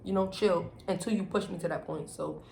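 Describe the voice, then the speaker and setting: A young adult woman vlogger telling a personal story in casual, animated slang, acting out what people said. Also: fairly low pitch, fairly quick, creaky. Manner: animated storytelling, acts out quotes, heavy slang and swearing. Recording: roomy echo with faint background noise.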